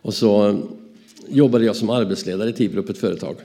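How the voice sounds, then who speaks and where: Low, mellow Swedish man telling stories. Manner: animated, acts out dialogue in his stories. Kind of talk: anecdotal storytelling.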